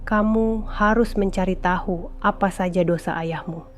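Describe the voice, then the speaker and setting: A woman voicing a sorrowful mother who confides gravely in her son in a horror story. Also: fairly low pitch, fairly even intonation, normal speed, a little hiss or hum, close to an everyday voice.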